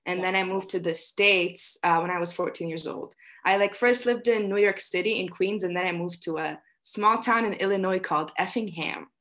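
A woman's voice: on the low side, moderate pace, hardly any pauses, fairly bright tone. A woman in her twenties from Egypt, a guest on a video-call interview, talking casually with lots of fillers. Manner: chatty, many fillers like "like". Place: small room indoors.

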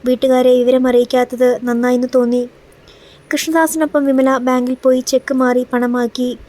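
Flat-voiced woman reading an audiobook. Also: sits high, moderate pace. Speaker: audiobook narrator. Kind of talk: audiobook narration of a novel.

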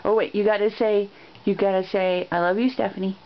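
A woman's voice: mid-range voice, fairly even intonation, a little hiss or hum. Coaxing woman behind the camera. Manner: coaxing, playful, quick asides. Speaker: off-camera adult filming a child. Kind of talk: casual home video, singing along. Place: small bedroom indoors. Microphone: built-in camera mic. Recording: muffled home camera audio.

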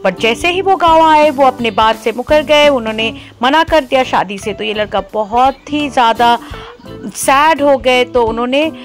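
A woman vlogging on a road trip, chatting casually and telling a local story, easily excited and mixing in English phrases. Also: high-pitched, normal speed, soft background music. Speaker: travel vlogger. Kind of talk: casual travel vlog with storytelling.

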